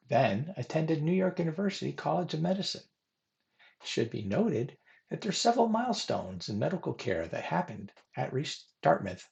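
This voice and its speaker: A man reads a biographical history aloud as presenter, in a formal, scripted narration style. His pitch rises and falls animatedly across phrases, and a noticeable creak gives his darkish voice a gravelly edge; the audio sounds dull.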